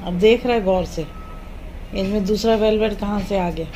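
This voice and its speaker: In a rough home phone recording with background noise, a woman's dark, mid-range voice moves at a moderate pace. She's in her living room, doting on her pet parrot in sing-song baby talk.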